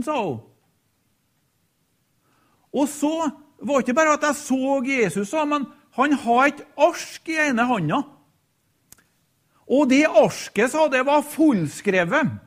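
A man preaching a sermon, retelling a story in a halting way with frequent hesitations and repeated quote tags. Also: very high-pitched. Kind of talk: sermon with a retold deathbed story.

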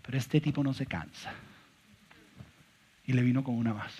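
A man preaching a sermon as pastor, emphatic and full of rhetorical questions, swinging from loud to quiet. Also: mid-range voice, moderate pace, slightly rough. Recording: dull lo-fi recording.

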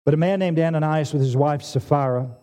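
A man in his forties preaching a sermon, animated and emphatic, often restarting his phrases. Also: on the high side, fast. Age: 40s. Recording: long hall reverb.

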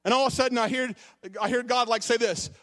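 A man's voice: very high-pitched, steady tone, a bit bright, big-room sound. A male pastor preaching a sermon in a church, telling stories with frequent restarts. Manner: storytelling with pauses and restarts. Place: church sanctuary.

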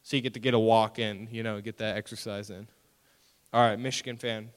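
A man's voice: on the low side, a little fast, clean tone, big-room sound. A young man, a youth pastor, chatting with students about chores and then preaching, telling stories with whiny acted-out quotes. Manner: animated storytelling with mock-whiny quoted voices. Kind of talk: youth group sermon.

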